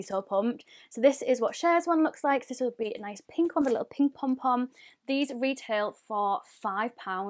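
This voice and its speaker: A bubbly young woman chats through a makeup haul, gushing over every item and breaking into laughs. Her voice sits a little high. She talks from home into a camera mic. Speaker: beauty vlogger. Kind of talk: casual product review.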